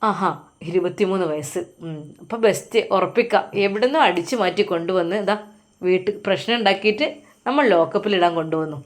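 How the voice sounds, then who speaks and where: A woman's voice: mid-range voice, lightly acted. A woman voicing a bossy male police officer in a told story, talking brusquely and mockingly. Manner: brusque, taunting, quick.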